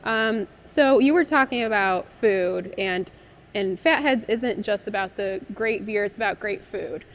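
A woman's voice: medium pitch, unhurried. A woman in her thirties interviewing a brewery guest in a barrel room, asking chatty questions with fillers. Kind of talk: business interview.

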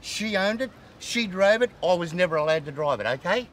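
A man in a heated outdoor confrontation, defiant and shouting angrily at a reporter. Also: high voice, lively intonation, a little fast, slight background noise. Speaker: person of interest confronted by a reporter.

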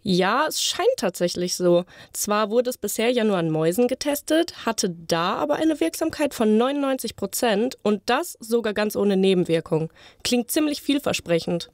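A young woman co-hosting a student podcast, presenting in a clear, scripted way. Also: mid-range voice, animated, normal speed, hardly any pauses, a little mellow, no room sound, clean studio sound. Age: young adult. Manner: clear, read-from-script delivery. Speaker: podcast co-host, journalism student.

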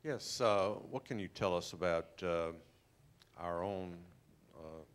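A man's voice: low-pitched, slow, clean tone. A man asking a hesitant question from the audience in a lecture hall, with fillers between his phrases.

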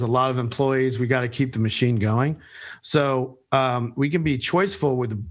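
A middle-aged man answers interview questions in a mid-range voice, steady and explanatory. He talks like an executive, often pausing on fillers and restarting his sentences. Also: mid-range voice. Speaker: guest, agency chief executive.

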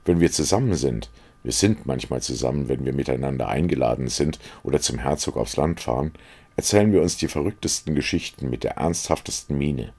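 A man's voice: extremely low pitch, animated, a little fast, a little mellow, breathy edge, heavily acted. A man reading aloud as a witty, cynical young aristocrat who talks in mocking epigrams. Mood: amused, teasing.

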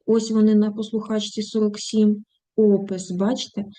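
A woman's voice: medium pitch, flat delivery, moderate pace, mellow, no room sound, rough recording. A woman English teacher explaining textbook exercises step by step in a recorded lesson, switching into English for examples. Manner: explains textbook tasks step by step, mixing English phrases into Ukrainian. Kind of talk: recorded online lesson walkthrough.

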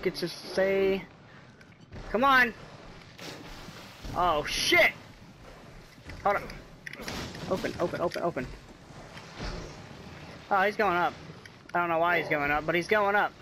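Excitable high-voiced man playing a game. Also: takes it slowly, pauses often, slight background noise. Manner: excitable, cursing, yelling at enemies. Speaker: gameplay commentator. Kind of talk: let's play commentary.

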